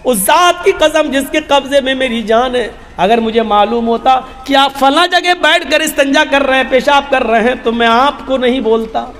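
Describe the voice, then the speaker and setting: A man's voice: very high voice, hardly any pauses, fairly bright tone. A man voicing a humble, deferential male servant who pleads earnestly, retold in a sermon with long hall reverb. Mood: pleading.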